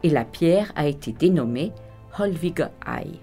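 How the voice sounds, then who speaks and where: A woman narrating a folk legend in a calm, even, scripted storytelling manner. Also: low voice, measured pace, faint music behind.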